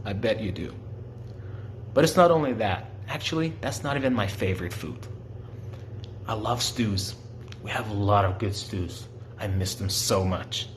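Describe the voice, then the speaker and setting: In a lowish voice at a normal speed, with long pauses, a young Iranian man whose first language is Farsi explains his country's culture to children in a friendly, simple way. He speaks with an Iranian accent, asks the listener questions, and a faint hiss or hum sits under the audio.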